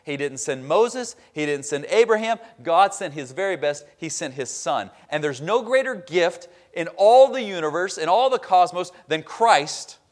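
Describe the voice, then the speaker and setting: A man's voice: a little high, lively intonation, normal speed, hardly any pauses. Emphatic man preaching a sermon. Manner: emphatic preaching, swinging between loud stresses and quiet drops. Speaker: pastor.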